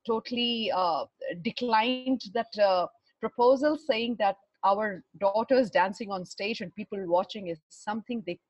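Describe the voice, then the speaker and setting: A middle-aged woman from Bihar with an educated Indian accent, telling her life story in a halting, reflective way, searching for words. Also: medium pitch, dry recording, lo-fi sound. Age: 40s or older. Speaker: interview guest, runner and fitness trainer. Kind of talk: personal life story in conversation.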